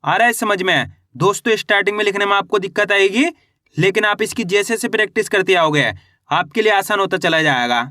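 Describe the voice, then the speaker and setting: Speaking a little fast in a high-pitched, sharp voice, a man gives a slow spelling-out lesson in Hindi reading, sounding each syllable before the whole word. He asks the viewer questions and supplies the answers himself, captured in clean studio sound with no room sound.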